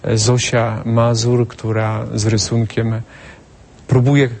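A man's voice: medium pitch, level tone, takes it slowly, a little mellow. A man hosting a studio discussion, asking guests formal questions with hesitant fillers. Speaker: talk show host.

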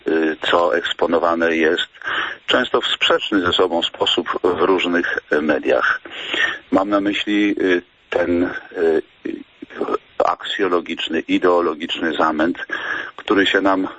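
Low-voiced priest type doing a slow thoughtful radio talk, lots of ums, dry muffled sound. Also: male voice, fairly bright tone, dry recording. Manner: measured, halting with frequent pauses and fillers.

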